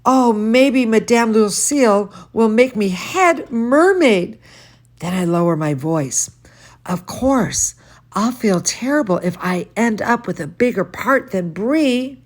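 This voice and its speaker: Fancy Nancy, animated boastful little girl read by a woman. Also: fairly high pitch, slow. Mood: boastful, theatrical. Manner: dramatic, precise, explains fancy words. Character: excitable, fancy-talking, boastful little girl storybook heroine.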